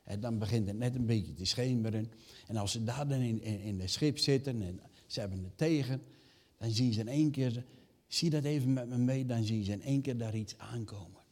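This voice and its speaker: A man's voice: medium pitch, fairly quick, darkish tone. An older man preaching a sermon, asking the congregation rhetorical questions and raising his voice for quoted reactions. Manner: rising emphatic acted quotes. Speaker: pastor.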